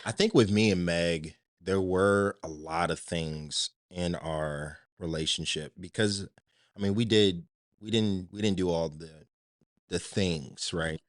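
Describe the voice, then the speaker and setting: A man's voice: sits low, unhurried, no echo. A young adult man hosting a podcast, chatting casually, laughing often and repeating himself as he talks. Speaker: podcast host. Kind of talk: casual chat.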